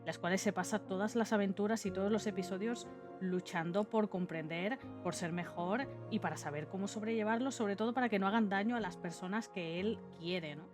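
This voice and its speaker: Spanish woman chatting over background music. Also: medium pitch. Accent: Spain. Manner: informal and chatty, with conversational tag questions. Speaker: VTuber video essayist. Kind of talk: casual video essay commentary.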